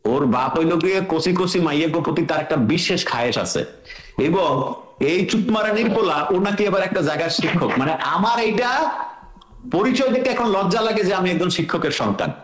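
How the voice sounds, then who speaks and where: Fast, foul-mouthed ranting man. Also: high voice, expressive, reverberant. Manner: crude, profane, ranting. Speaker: talk show panelist. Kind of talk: heated online talk show discussion.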